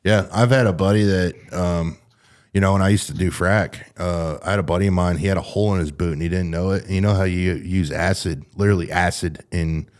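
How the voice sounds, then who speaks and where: A man's voice: low-pitched, fairly even intonation, a little fast, darkish tone. A male podcast host telling crude stories in casual chat, swearing freely. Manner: rowdy storyteller, swears freely.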